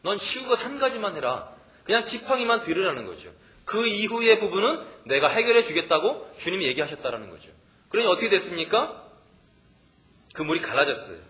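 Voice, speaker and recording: A man's voice: sits high, pushed and bright. A male pastor preaching at a church service, asking the listeners questions and chuckling often. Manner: asks the listeners many questions. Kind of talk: sermon.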